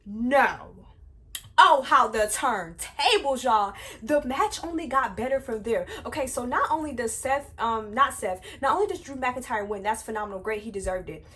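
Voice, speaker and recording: Excited young woman recapping wrestling, high voice. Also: moderate pace, few pauses. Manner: animated, addresses viewers as y'all, many fillers. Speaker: wrestling review vlogger.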